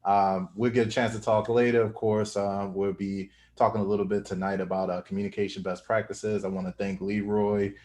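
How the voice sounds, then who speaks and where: A man giving short greeting remarks as guest speaker, measured and hesitant with frequent pauses. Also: fairly low pitch, level tone, darkish tone.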